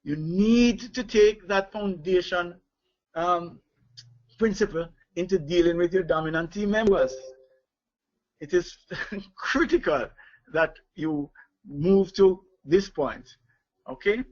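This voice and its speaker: A man's voice: high voice, takes it slowly, pauses often, darkish tone. A man leading a live online leadership training, talking with many fillers, restarts and chuckles. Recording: dull lo-fi webinar audio.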